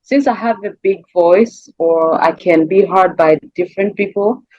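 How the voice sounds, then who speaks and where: Answering interview questions, a singer from Rwanda speaks with a Rwandan accent at a measured pace in a fairly low voice. She talks conversationally, hunting for words and repeating phrases, in a recording with no echo and the highs cut off.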